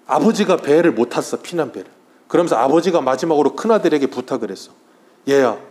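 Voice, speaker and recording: Man preaching with emotional swings. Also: a little high. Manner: emotional storytelling, swinging from loud to hushed; acts out quoted voices softly. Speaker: pastor. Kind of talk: Sunday morning sermon. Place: church sanctuary during worship.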